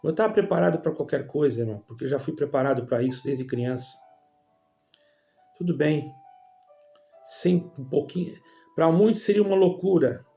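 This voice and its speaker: A man's voice: fairly high pitch, moderate pace, vocal fry, pauses often, warm tone, faint music behind. A Brazilian man with a Brazilian Portuguese accent telling a religious personal testimony, calling his listeners brothers in a rambling storytelling way. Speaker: church member giving testimony.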